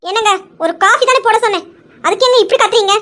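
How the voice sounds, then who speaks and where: A woman doing a shrill scheming young wife. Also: fast. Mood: indignant. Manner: sharp, scolding, shrill.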